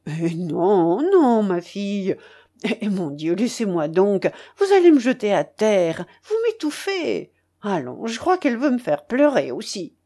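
A woman's voice: medium pitch, expressive, measured pace, dark tone, husky. A woman voicing a kindly, talkative old peasant man on crutches in an audiobook, fatherly and bustling. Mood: flustered. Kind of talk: audiobook character reading.

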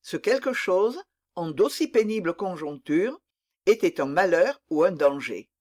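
A narrator giving a steady, expressive scripted reading of a classic novel. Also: mid-range voice, unhurried.

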